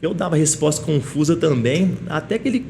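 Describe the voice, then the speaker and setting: A middle-aged man, a police chief guesting on a podcast, telling a lively story in casual chat and often tagging his sentences with little questions. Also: a little high, a little fast, creaky, slight background noise. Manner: lively anecdotal telling, frequent tag questions.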